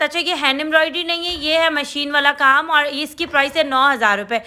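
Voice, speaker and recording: A shopping vlogger from Pakistan, a woman with a Karachi Urdu accent, narrates a tour of a market. Her voice is high-pitched and bright, and she's chatty and enthusiastic, listing off prices as she goes.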